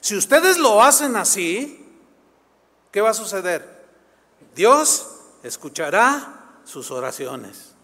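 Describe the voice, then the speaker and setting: A man preaching a sermon as a pastor, in an animated, conversational way with quick asides. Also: sits high. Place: church sanctuary. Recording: long hall reverb.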